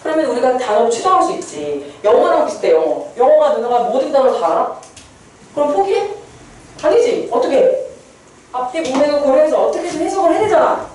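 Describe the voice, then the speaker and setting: A woman's voice: high voice, very animated, quick pace, darkish tone. Chatty woman teacher, very echoey classroom. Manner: chatty, asks the class questions and answers them herself. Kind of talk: classroom lecture. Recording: very echoey classroom, distant mic, faint room noise.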